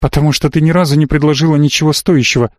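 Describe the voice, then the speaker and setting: A sharp-tongued young woman, put on by a male audiobook reader, who talks back in scornful, clipped retorts. The voice sits noticeably higher than the reader's usual voice, in a dry, close recording. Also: steady tone, very fast, dry recording, close to an everyday voice. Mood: defiant.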